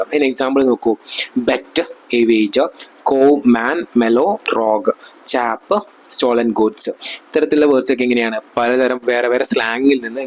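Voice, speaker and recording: A young man with a Malayali accent teaches an exam-prep class, his voice sitting at a middle pitch. He explains each point in his own language mixed with English terms. When he reads out English passages, he slows down. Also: poor audio. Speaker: lecturer.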